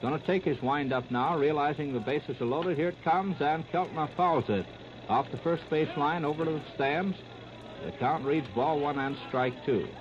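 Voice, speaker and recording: Heard on a muffled, noisy 1930s radio disc, an American announcer at the ballpark gives clipped, terse play-by-play of a baseball game in period live-radio style. He speaks at an ordinary pace in a fairly high voice.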